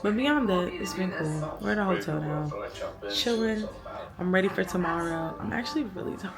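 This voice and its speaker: A woman's voice: lowish voice, lively intonation, moderate pace, loud music behind the voice. A young woman vlogging about her trip, casually retelling a frustrating restaurant run-in and acting out both sides of the conversation. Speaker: travel vlogger. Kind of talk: casual storytelling vlog.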